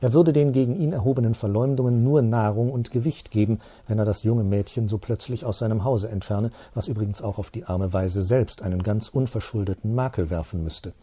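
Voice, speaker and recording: A man reading a classic story aloud in a calm, measured way. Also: on the low side, breathy edge. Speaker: audiobook reader. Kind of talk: literary reading.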